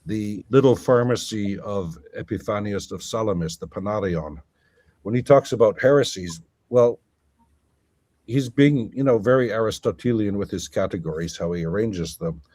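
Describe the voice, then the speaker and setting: A man's voice: on the low side, normal speed, a little mellow, dry recording. A scholarly man explaining at length in a conversation, thinking aloud with fillers and self-corrections. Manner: lecturing, thinking aloud with many fillers and restarts. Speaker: guest scholar. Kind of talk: academic conversation.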